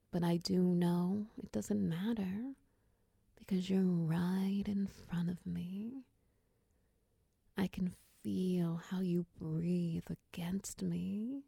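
Woman acting slow, soft-spoken girlfriend right in your ear. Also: medium pitch, no room sound, full character voice. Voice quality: soft, breathy soft voice. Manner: intimate, close-up delivery right in the listener's ear; slow, soothing, reassuring. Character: tender, protective female partner soothing a nightmare-shaken lover. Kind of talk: ASMR role-play. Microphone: very close, dry microphone.

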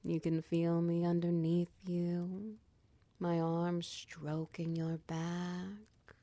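A woman playing a tender, protective girlfriend in a whispered comfort roleplay, talking softly and reassuringly, close to the mic. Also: lowish voice, flat delivery, no room sound. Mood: soothing. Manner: soft, slow, reassuring, half-whispered. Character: tender protective dominant girlfriend, doting and patient. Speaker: audio roleplay performer.

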